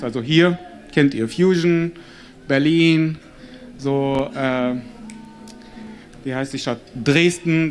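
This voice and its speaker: A man talking casually, rambling and searching for words as he goes. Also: on the high side. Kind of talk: casual talk.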